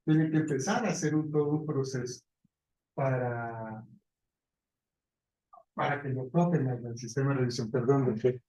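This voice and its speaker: A man's voice: medium pitch, moderate pace, pauses often, warm tone, reverberant, rough recording. A man giving a university lecture in a conversational way, often checking in with his listeners. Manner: conversational, asks "¿verdad?" often.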